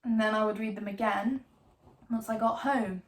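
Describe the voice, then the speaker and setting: A woman playing a wry, defiant young woman obsessed with ghost stories in a theatrical dramatic monologue, emphatic and full of lingering pauses. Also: medium pitch, fairly even intonation, close to an everyday voice. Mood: subdued, confiding.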